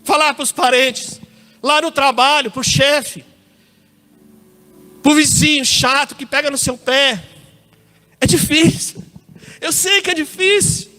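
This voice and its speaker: Brazilian male preacher, very high voice, church sermon, folksy anecdotal delivery. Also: slow, pauses often, sharp tone. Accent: Brazilian Portuguese. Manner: addresses congregation as brothers, tells personal anecdotes.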